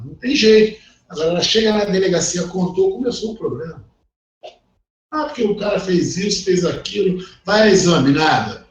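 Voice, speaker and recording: A man's voice: sits high, recorded from a distance. A middle-aged man with a Brazilian Portuguese accent teaching law in a recorded online class, talking bluntly and acting out the people he quotes. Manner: blunt and animated, acts out quoted voices. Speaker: law professor. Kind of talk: recorded online lecture, conversational. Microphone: online class call. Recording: dull, echoey audio with faint noise.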